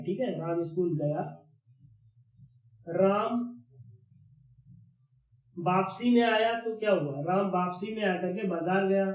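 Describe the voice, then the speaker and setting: A man's voice: high voice, darkish tone. A male teacher explaining grammar, asking himself questions and repeating key words. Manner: repetitive question-and-answer explaining. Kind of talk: grammar lesson. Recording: echoey room.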